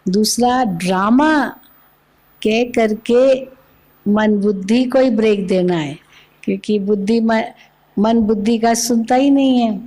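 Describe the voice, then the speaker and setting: A woman's voice: mid-range voice, dark tone. A woman giving a spiritual discourse at a microphone, explaining patiently with everyday examples. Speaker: spiritual teacher.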